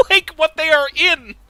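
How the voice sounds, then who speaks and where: A man with a Connecticut accent and a very high voice streams a game with friends, with slight hiss or hum in the audio. The casual chat is excitable and jokey, and he laughs often.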